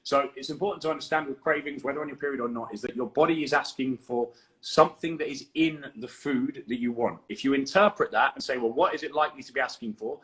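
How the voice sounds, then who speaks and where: A man's voice: mid-range voice, fast talker, fairly bright tone, low-quality recording. Confident man coaching on fitness. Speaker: fitness coach and podcast co-host. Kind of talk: explanatory podcast chat.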